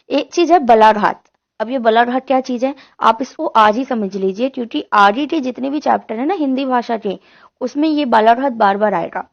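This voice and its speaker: A woman's voice: a little high, creaky. Hindi teacher woman, dull lo-fi sound. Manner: explains step by step, asks and answers her own questions. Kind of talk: online lesson.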